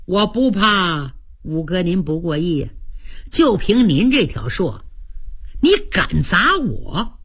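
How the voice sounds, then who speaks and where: A woman's voice: lowish voice, sing-song, takes it slowly, fairly bright tone, breathy edge, pitched below the performer's own voice, heavily acted. A woman doing a sly, cocky young general. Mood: taunting. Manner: smug, taunting.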